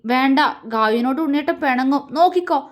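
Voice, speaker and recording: A woman's voice: high voice, fast talker, natural voice. A woman voicing a young man with a childlike mind who is stubborn and sulky, speaking in a pleading, childish, insistent way.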